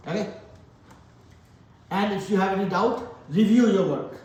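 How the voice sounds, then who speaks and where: A man's voice: high-pitched, measured pace, darkish tone, a little hiss or hum. Joking male math teacher, echoey room. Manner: joking, motivational, addresses class directly. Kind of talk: classroom lesson. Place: classroom. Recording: echoey classroom from far off.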